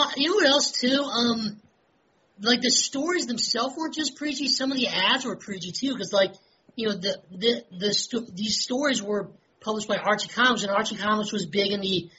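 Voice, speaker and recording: A woman's voice: mid-range voice, moderate pace, sharp tone, slightly rough. A woman chatting casually in a group conversation, rambling with lots of fillers. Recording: dull lo-fi recording.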